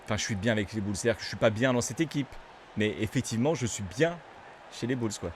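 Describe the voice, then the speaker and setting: A man giving casual gameplay commentary as a gaming YouTuber, chatty, swearing casually and bursting out loud at big plays. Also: mid-range voice, fast talker, a little hiss or hum.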